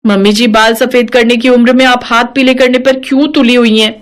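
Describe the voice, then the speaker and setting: A woman's voice: fairly high pitch, fairly even intonation, brisk, natural voice. A woman doing a pleading, melodramatic daughter-in-law. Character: anxious young daughter-in-law, pleading, dramatic. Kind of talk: animated story voice acting.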